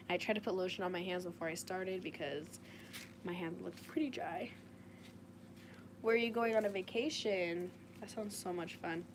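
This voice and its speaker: A woman with a lowish, raspy voice that sounds slightly under the weather chats informally on a livestream while demonstrating nail work, often saying "like." The home recording is clearly noisy, with a washing machine running in the background.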